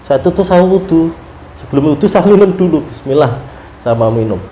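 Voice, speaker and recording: A man telling a long story in a casual interview, animated, often laughing and acting out his prayers. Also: fairly high pitch, fairly quick. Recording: roomy room with faint ambient noise.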